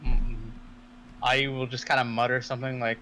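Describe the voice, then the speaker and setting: A man's voice: medium pitch, flat delivery, moderate pace, bright, forceful tone, a little hiss or hum, rough recording. A man on a headset mic casually describing his character's actions as a player in a tabletop game. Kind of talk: casual role-play narration.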